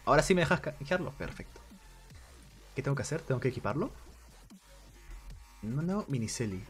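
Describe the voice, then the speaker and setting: A man giving casual gameplay commentary for a video game guide, thinking aloud as he plays in a chatty, conversational way. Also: medium pitch.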